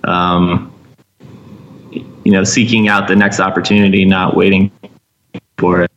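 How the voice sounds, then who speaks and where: A man's voice: low-pitched, little pitch movement, a little slow, a bit bright, muffled recording, a little hiss or hum. A man from Vermont, a guest in an interview, talking in a hesitant, thoughtful way with many fillers. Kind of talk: casual interview chat.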